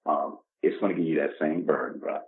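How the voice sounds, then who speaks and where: This podcast guest, a man in his 50s from the Bronx, New York, has an extremely low voice with a steady tone and normal pace. His casual, motivational talk is emphatic, and he likes to act out imagined conversations. The audio is muffled, dull and lo-fi.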